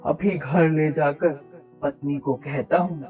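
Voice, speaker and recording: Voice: medium pitch, fairly even intonation, takes it slowly, darkish tone, soft background music, natural voice. Someone voicing a gleeful greedy village farmer. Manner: gleeful, boastful. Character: greedy meat-loving village farmer, middle-aged man. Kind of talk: storybook cartoon voice acting. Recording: dull, lo-fi recording.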